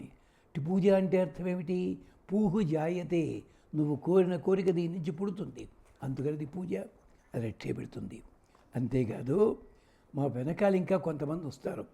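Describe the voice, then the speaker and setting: An older man, teaching and slowly chanting Vedic verses, then explaining them in plain conversational talk. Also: fairly high pitch, creaky, mellow, breathy edge.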